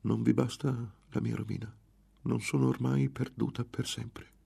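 A man's voice: mid-range voice, steady tone, normal speed, gravelly, warm tone, breathy edge, voice pushed up. A man voicing a terrified young woman who pleads timidly to be let go. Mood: pleading.

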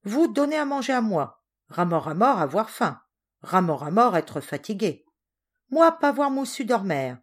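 Woman voicing a big blunt sailor, forties, loud broken pidgin, storybook. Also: sing-song, a little slow. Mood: pleading, insistent. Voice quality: broken pidgin French, booming. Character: burly sailor man in his forties, hearty and blunt.

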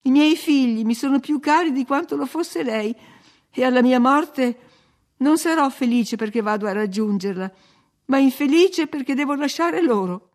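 Woman reader doing a dying young woman, passionate, bitter, accusing, high-pitched, loud outbursts. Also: fairly even intonation, a little slow, gravelly.

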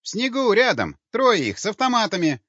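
A man voicing a jittery elderly camp guard who yells in a high, panicky voice. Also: sing-song, moderate pace, slightly rough, no echo, heavily acted. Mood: panicky shouting. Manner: shrill panicky shouting. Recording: dull lo-fi dry recording.

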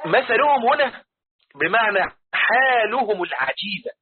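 Heard through a tinny recording that sounds like a phone, this man teaches Quran commentary with an Egyptian Arabic accent. His high, animated voice moves at a moderate pace as he restates points and keeps asking whether his students follow.

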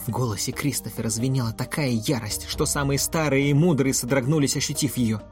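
A man narrating a fantasy story in a steady, measured audiobook reading. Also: medium pitch. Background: faint music.

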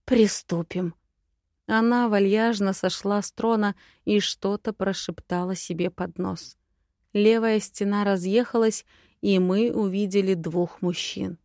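A woman reading a first-person fantasy story aloud in an unhurried, even way. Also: medium pitch, no echo, clean studio sound. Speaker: audiobook narrator.

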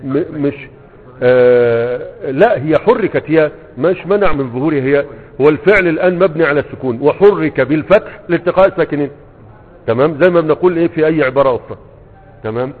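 A man with an Egyptian accent lectures on grammar, talking quickly in a slightly high voice. He explains point by point, often checking that his listeners follow. The sound is thin and phone-like, with a long echo as if in a large hall. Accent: Egyptian Arabic. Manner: explains step by step, checking understanding with repeated "okay?". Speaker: teacher explaining Arabic morphology. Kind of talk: classroom lecture reading and explaining a grammar text.

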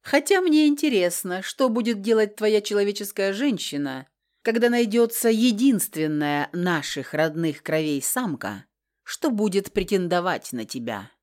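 A woman voicing a proud, sly nonhuman man who mocks an old friend in a smooth way. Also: medium pitch, animated, measured pace, darkish tone, close to an everyday voice. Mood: mocking.

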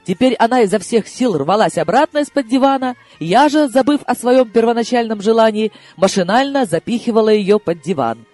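A man reading an audiobook in the first person, theatrical and shifting between hushed asides and excited outbursts. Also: very high-pitched, a little fast, few pauses. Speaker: audiobook reader. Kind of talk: expressive audiobook narration. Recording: dry close mic with faint music.

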